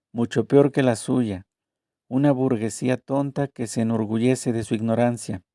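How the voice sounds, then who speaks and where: A man with a medium-pitched, warm voice reads a translated interview aloud, voicing both the questions and the answers in a measured, deliberate way. The studio-quality recording has no echo.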